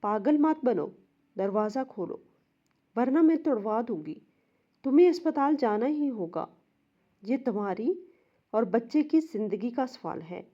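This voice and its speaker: A woman's voice: mid-range voice, expressive, long pauses, lo-fi sound, lightly acted. A woman voicing a stern, domineering older mother-in-law who scolds and commands harshly. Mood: angry.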